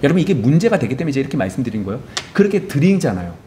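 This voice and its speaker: Lively, expressive male pastor preaching. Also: medium pitch, racing, a little hiss or hum. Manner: animated, asks the congregation rhetorical questions; acts out biblical characters in quoted voices. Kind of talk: sermon. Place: church sanctuary.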